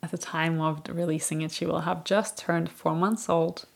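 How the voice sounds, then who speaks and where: A woman's voice: low-pitched, level tone, normal speed, creaky. A woman from Ireland hosting a podcast, telling a personal story in a candid, chatty way with plenty of fillers. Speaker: podcast host.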